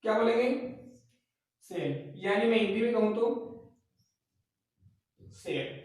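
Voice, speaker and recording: In a classroom lecture, a man poses his own questions, answers them, and repeats every key point. He speaks rapid-fire in a high voice with little pitch movement, and the mic is far off in a very echoey room.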